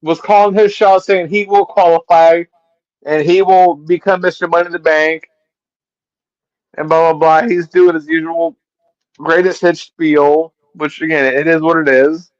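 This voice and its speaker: A man's voice: on the high side, level tone, unhurried, dry recording. Man, host, wrestling recap, casual chat, rambling restarts, dry muffled audio. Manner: recaps at length, stumbling restarts.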